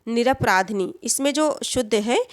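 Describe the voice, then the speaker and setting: A woman's voice: fairly high pitch, animated, unhurried, dry recording, studio quality. A woman teaching a Hindi spelling exam lesson, who repeats each answer and asks and answers her own questions.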